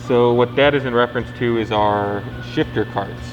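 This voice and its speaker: A man's voice: medium pitch, moderate pace, muffled recording, background noise. A man co-hosting a casual question-and-answer session, explaining things in an informal way. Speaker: company co-host. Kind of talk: casual Q&A talk. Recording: steady music behind the voice.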